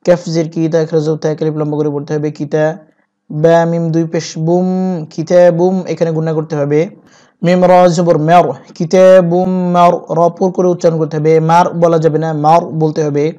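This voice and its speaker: A man teaching Quran reading, spelling out syllables one by one and chanting each verse slowly. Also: on the high side, little pitch movement, warm tone. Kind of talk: step-by-step recitation lesson. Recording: dull lo-fi recording.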